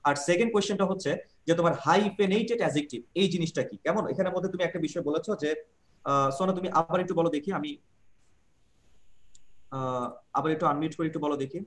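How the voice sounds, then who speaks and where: A man's voice: on the high side, fast talker. A man teaching English grammar in an online class, answering a student's questions patiently and repeating key points. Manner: explains patiently, repeats points, asks rhetorical checks. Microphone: video call.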